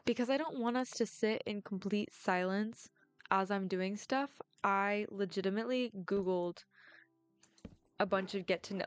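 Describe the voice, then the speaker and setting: A woman's voice: medium pitch, no echo. A young adult woman, a film student, chatting casually and rambling with lots of "like" fillers while playing a game. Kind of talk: casual gameplay chat.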